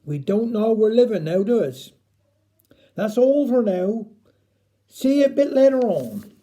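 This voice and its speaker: A man's voice: sits high, very animated, unhurried, mellow. A man with a broad Cornish West Country accent telling a homely dialect story in a chatty, folksy way.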